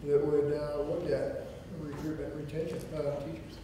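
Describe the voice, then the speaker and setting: A man's voice: fairly high pitch, flat delivery, moderate pace, noisy background. A man putting a question to a candidate at a public forum, hesitant with fillers. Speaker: media questioner. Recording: echoey hall heard from far off.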